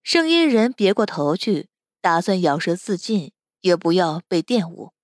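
Expressive woman narrating a novel. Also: fairly low pitch, unhurried, no room sound, studio quality. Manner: expressive, dramatic reading. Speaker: audiobook narrator. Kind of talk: web novel audiobook narration.

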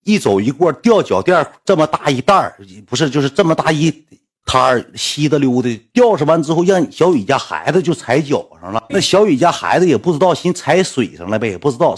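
A man's voice: mid-range voice, slightly rough. A man with a Northeastern Mandarin accent telling a funny anecdote in a rambling, repetitive, colloquial way with some swearing. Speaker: storyteller. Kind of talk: casual anecdote storytelling.

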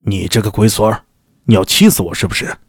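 A man voicing a proud, furious middle-aged father who blusters and makes gruff threats in a lowered voice. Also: fast, no room sound, clean studio sound.

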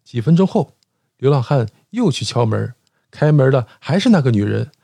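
Male joke-show host, animated delivery, mellow tone. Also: mid-range voice, normal speed, vocal fry, no echo. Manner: lively storytelling with acted dialogue. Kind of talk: telling short jokes.

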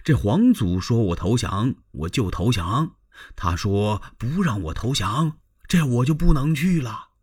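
A man's voice: medium pitch, lively intonation, measured pace, a little mellow, breathy edge. A man telling a traditional story, voicing a sly middle-aged male governor who talks in a falsely genial, evasive way.

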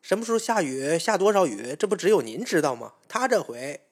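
Flattering sea-creature courtiers, fawning and raised in pitch, done by a male storyteller. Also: fairly quick, husky. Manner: fawning, mocking.

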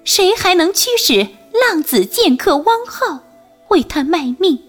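A wounded male demon musician sighs his words in a soft, seductive way, as a woman reader puts him on. The voice sits very high and swoops up and down, and the delivery is slow and lingering. Faint music runs underneath the storybook reading. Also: sing-song, exaggerated voice. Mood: silky. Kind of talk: audiobook character voice.

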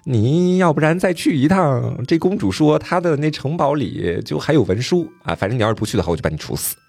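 A man's voice: a little high, lively intonation, fairly quick, creaky, a little mellow, husky, no echo, soft background music, voice pushed up, heavily acted. A man voicing a fairy-tale king who gives commanding orders under threat of death. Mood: threatening.

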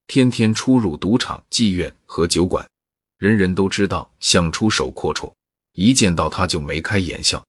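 A man narrating a folk tale in a steady, even storytelling manner. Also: low-pitched, breathy edge, no echo, clean studio sound.

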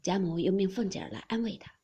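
A woman narrating a classical novel as an expressive audiobook storyteller. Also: mid-range voice, quick pace, slightly rough.

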